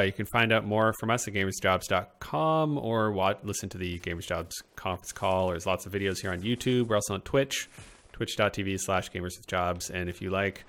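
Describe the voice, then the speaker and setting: A man's voice: fairly low pitch, creaky, a bit bright. A man hosting a casual let's-play, chatting in an easygoing, talkative way. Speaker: host.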